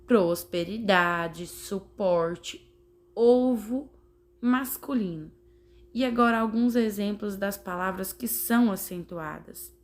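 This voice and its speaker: A woman teacher, explaining a grammar lesson slowly and carefully, sounding out syllables. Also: medium pitch. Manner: slow, carefully spelling out syllables. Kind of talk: slow classroom explanation.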